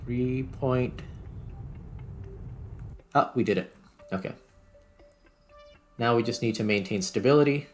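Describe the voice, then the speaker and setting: With music in the background, a man hosting a gaming video chats casually about the game, working through his thoughts aloud. He has a medium-pitched voice, a slow pace, and frequent pauses.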